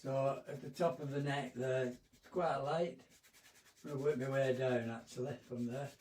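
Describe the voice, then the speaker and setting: A man's voice: medium pitch, normal speed, far from the mic. Man demonstrating painting in an echoey room. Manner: relaxed, rambling, self-correcting. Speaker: art instructor. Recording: roomy echo, off-mic.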